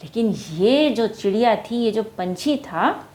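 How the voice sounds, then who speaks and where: A woman telling a story to children in an animated way, often asking her young listeners questions. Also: fairly high pitch, slow.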